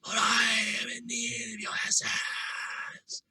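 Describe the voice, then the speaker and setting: A man voicing a sinister robed stranger in a game story, politely menacing with a raspy voice. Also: very high-pitched, completely flat delivery, slow, sharp tone, voice pushed up, full character voice. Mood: menacing, pleading.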